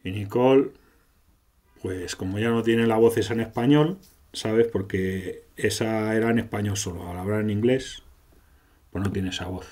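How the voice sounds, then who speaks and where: A man's voice: on the low side, normal speed, a little mellow. Male game commentator; irreverent, sarcastic reads of dialogue. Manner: sarcastic, irreverent, swears freely. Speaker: gameplay commentator. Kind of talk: gameplay commentary, reading and parodying dialogue.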